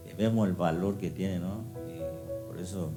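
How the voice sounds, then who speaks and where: Older man, slow reflective talk. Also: sits low, mellow. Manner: slow, reflective, many hesitant fillers. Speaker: discussion leader. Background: guitar music.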